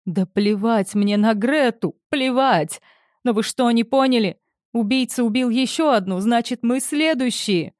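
A woman reading the part of a hysterical, frightened young woman in an audiobook, shrill and tearful. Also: steady tone, moderate pace, mellow, no echo, studio quality, natural voice. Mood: shrieking.

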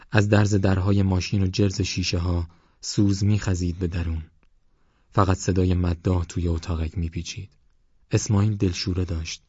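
A man calmly narrating a novel as an audiobook reader in a measured way. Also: low-pitched, slightly rough, no echo, highs cut off. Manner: calm, measured reading. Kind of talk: scripted narration.

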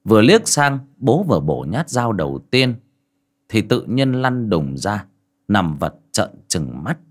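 Low-voiced and dramatic, a man narrates horror fiction for an audiobook, keeping a measured pace while his lively intonation rises and falls.

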